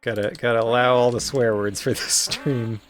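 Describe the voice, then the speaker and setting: A man's voice: medium pitch, steady tone, normal speed, slight background noise. A man with an Ontario Canadian accent, chatting casually and rambling while he streams a game. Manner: rambling, musing, many fillers and restarts. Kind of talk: casual commentary while playing. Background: faint game music.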